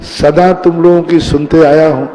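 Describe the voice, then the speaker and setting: A man giving a sermon as a Jain monk, measured and repeating phrases for emphasis. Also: fairly high pitch, little pitch movement, mellow. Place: temple hall with a gathered audience. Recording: long reverb of a hall with a crowd.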